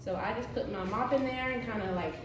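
A woman cleaning vlogger chats casually to camera about cleaning in the carpet-free living room of her house. Her fairly high voice is brisk, chatty, and homey, with fillers like "like" and "um," and the sound is reverberant with a noisy background.

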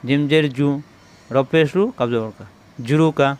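Male Quran teacher, smooth, slightly high voice, patient syllable drills. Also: normal speed, darkish tone. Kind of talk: spelling out Arabic letters for learners.

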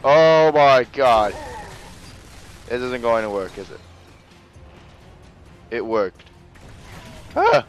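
A man giving casual gameplay commentary, excitable and jokey, with frequent exclamations and swearing. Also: mid-range voice, very slow, pauses often, muffled recording, soft background music. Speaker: gamer narrating a let's play.

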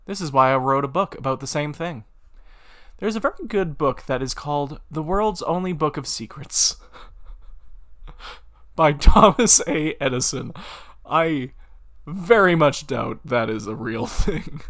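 Amused male YouTuber, unhurried read with laughs, desk mic. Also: a little high, animated, a bit bright. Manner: amused, breaks into laughter while reading. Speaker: YouTuber reading computer-written stories aloud. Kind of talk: casual reading with commentary.

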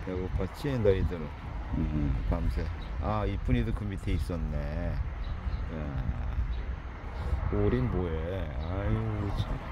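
A man feeding street cats outdoors. He coos to them in a raised, sing-song baby-talk voice and drops to quiet, low asides when he narrates. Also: lively intonation, takes it slowly, dull audio. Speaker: street cat caretaker. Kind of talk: casual vlog narration while feeding cats. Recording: outdoor street noise with passing traffic.

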